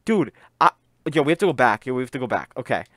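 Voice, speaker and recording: A man's voice: medium pitch, big pitch swings, fast. A man hosting a reaction video, talking in a hyped, slangy, rambling way, his voice muffled by a face mask. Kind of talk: casual reaction vlog. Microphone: desk microphone.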